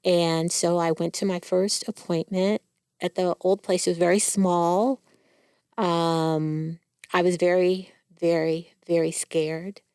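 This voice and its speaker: A woman with a slightly low voice tells her story in a candid, animated way and acts out the voices of the people in it. The sound is dry and close, with no room around her. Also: slow, smooth, no echo. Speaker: cancer survivor guest. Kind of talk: personal storytelling in a podcast.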